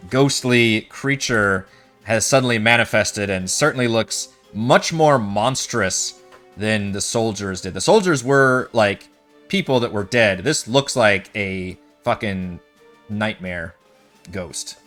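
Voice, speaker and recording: A man with a fairly low voice acts as game master. He narrates a tabletop game in a casual, conversational style. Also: slow pace, fairly bright tone, soft background music.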